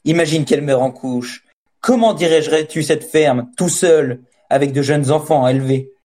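A man's voice: fairly high pitch, moderate pace, a little mellow, close to an everyday voice. A man voicing a cruel woman witch who threatens and mocks a farmer, menacing and sneering. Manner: menacing, mocking.

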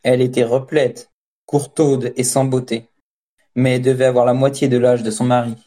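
Reading a first-person story, a male audiobook narrator uses a measured, steady storytelling voice at medium pitch in scripted narration.

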